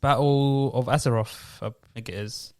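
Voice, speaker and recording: A man's voice: medium pitch, steady tone, normal speed, clear, resonant tone, no echo, studio quality. A man chatting casually as a podcast co-host, laughing often and rambling with fillers. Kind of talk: casual chat.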